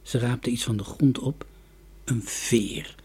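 A man reading a children's story aloud in an expressive, dramatic way. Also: medium pitch, slow pace, breathy edge. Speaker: narrator.

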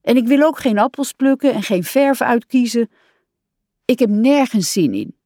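A woman's voice: fairly high pitch, expressive, moderate pace, warm tone, no room sound, clean studio sound, pitched above the performer's own voice. A woman reading aloud and voicing a bored, sulky young male frog in a storybook. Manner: listless and sulky.

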